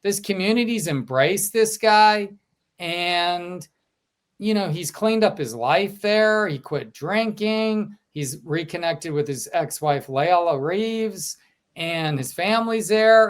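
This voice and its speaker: A man co-hosting a sports podcast, telling stories from a road trip in a casual, animated way. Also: high-pitched. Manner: storytelling, quotes fans in lively asides. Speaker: podcast co-host, sports reporter.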